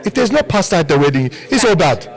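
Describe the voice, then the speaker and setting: A confused, flustered game show contestant, as a man puts him on in an exaggerated Kenyan accent. The voice sits higher than his own and keeps fumbling for the right word. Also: very animated, fast. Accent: put-on exaggerated Kenyan. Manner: flustered, searching for words.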